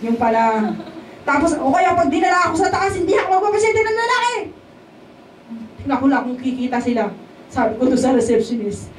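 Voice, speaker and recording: High-voiced woman testifying in an echoey hall. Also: a little fast. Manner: keeps checking in with the congregation. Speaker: lay church speaker giving testimony. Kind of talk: testimony sermon in a casual, conversational way. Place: church hall at a worship service. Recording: echoey hall, voice picked up from a distance, faint background noise.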